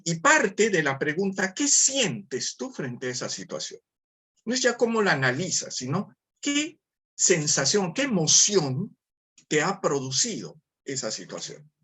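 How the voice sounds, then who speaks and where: A man's voice: on the high side, fairly bright tone, breathy edge. A man with a Peruvian Spanish accent giving a formative lecture, talking in a didactic way, repeating himself and asking rhetorical questions.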